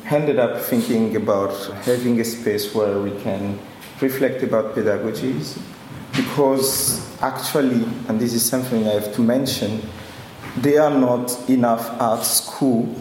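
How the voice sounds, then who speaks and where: A man's voice: medium pitch, darkish tone. A man from Congo, a curator, giving an earnest, searching introduction at a public event and often restarting his phrases. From Democratic Republic of Congo. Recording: very echoey room with light noise.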